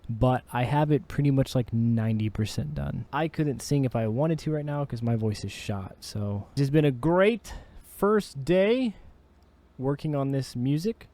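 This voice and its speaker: A man with a medium-pitched, dark-toned voice talks about producing his own song in a casual vlog. As a music producer and singer, he keeps it laid-back, chatty, and full of slang.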